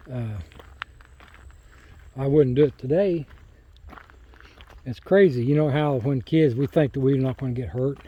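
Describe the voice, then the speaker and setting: A man's voice: medium pitch, mellow, breathy edge, highs cut off. An older man chatting in a rambling, folksy way while walking a rural hillside, then reading scripture aloud, recorded on a handheld phone. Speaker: lay Bible teacher.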